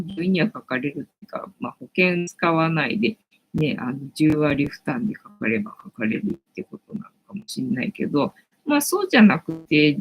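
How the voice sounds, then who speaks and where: A woman in her late forties chats on a relaxed late-night stream and thinks out loud with plenty of fillers. Her low voice is husky with a gravelly edge, and it swings up and down a lot. The sound is dull and lo-fi. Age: 40s. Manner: rambling, thinking aloud with many fillers. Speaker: live-stream host.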